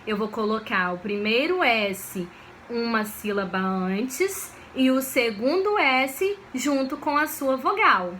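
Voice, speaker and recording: A woman teacher, giving a video lesson for children in a slow, patient way and often checking that they follow. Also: on the high side, expressive, fairly bright tone, a little hiss or hum. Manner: slow, patient, checks understanding with frequent questions.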